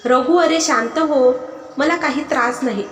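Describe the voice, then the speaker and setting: A woman's voice: high voice, measured pace. Storybook role: woman reading as a soothing elderly mother-in-law, music behind. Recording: echoey hall with music behind.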